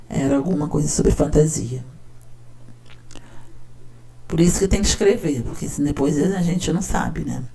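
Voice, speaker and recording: A woman's voice: low voice, wildly swooping pitch, unhurried, gravelly, long pauses, mellow. A woman teacher, talking casually and often checking in with her listener. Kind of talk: casual explanatory talk.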